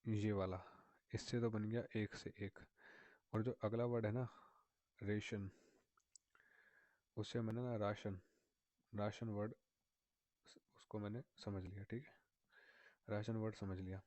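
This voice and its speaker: A male vocabulary teacher explains memory tricks step by step, repeating himself and checking in with his students. His voice sits low and stays fairly level, and it is recorded close up in a dry room with no echo. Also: steady tone, measured pace, long pauses, mellow. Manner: patient, repetitive, often checks in with "theek hai na".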